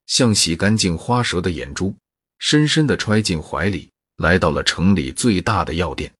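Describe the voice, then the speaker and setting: A man narrating a folk tale in a steady, even storytelling manner. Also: deep voice, normal speed, husky, dry recording, studio quality.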